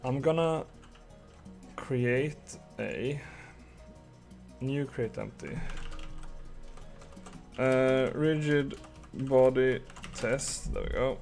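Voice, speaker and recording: Gravelly Swedish man streaming game dev. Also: medium pitch, drawn-out words, long pauses, a little mellow, faint music behind. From Sweden. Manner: muttering while coding, swearing, chatting with viewers. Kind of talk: casual live-coding stream.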